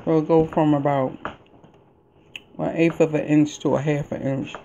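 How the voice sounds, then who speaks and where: Slow, rambling older woman. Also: sits low, level tone, dark tone, dull audio, slight background noise. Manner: rambling, halting, with many pauses and fillers. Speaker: mukbang host. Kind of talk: casual eating vlog chat.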